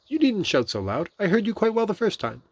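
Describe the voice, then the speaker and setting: A man's voice: sits high, huge pitch swings, fairly quick, slightly rough, no echo, voice pushed up, heavily acted. A man voicing a fussy, cautious, evasive rabbit in a children's storybook, speaking in a prim, polite, clipped way.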